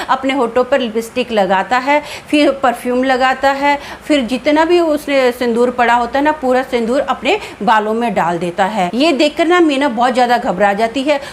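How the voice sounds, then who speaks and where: A woman narrating a horror story in a lively, dramatic way. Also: on the high side, slight background noise.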